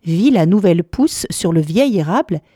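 Woman storyteller, fairy tale, mellow voice, measured pauses, dry close sound. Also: on the low side, expressive, breathy edge, no room sound. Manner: measured, lilting, dramatic pauses. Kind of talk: storybook narration.

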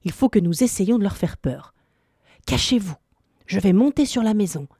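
A woman's voice: lively intonation, moderate pace, dark tone, breathy edge, no room sound, clean studio sound. A woman voicing a clever, bold male cat in a storybook reading, raising her voice as he schemes and urges his friends on. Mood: scheming. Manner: eager, scheming, higher than her narration.

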